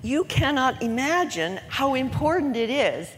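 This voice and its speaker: An elderly woman in her eighties speaks earnestly to a gathered audience, drawing out the words she wants to land. Her voice sits at an ordinary pitch for a woman. It carries a long hall reverb over a faint hum of room noise. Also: big pitch swings. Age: 80s. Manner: earnest, slows down to stress key words. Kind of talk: inspirational public talk.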